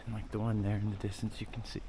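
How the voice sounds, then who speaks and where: A young Australian travel vlogger holds the camera and rambles casually as he walks through old-town streets, swearing now and then. His voice is fairly low and level, and he talks fast. Street and traffic noise comes through clearly.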